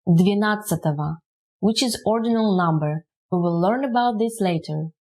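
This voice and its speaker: A woman's voice: medium pitch, normal speed, a little mellow, rough recording. A woman whose first language is Russian, teaching a short language lesson and spelling words out syllable by syllable. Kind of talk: slow, careful language lesson.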